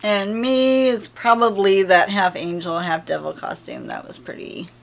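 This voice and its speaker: A woman's voice: medium pitch, fairly even intonation, unhurried, vocal fry. A woman vlogger in casual, playful chat who often breaks into giggles while reading out survey questions.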